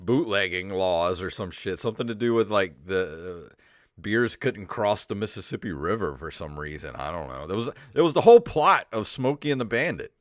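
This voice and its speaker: With a deep, animated voice at normal speed, a middle-aged man hosts a comedic podcast, chatting casually and reading aloud in a rambling, sweary, mildly exasperated way. The studio-quality sound has no room sound, with royalty-free synthesizer music underneath.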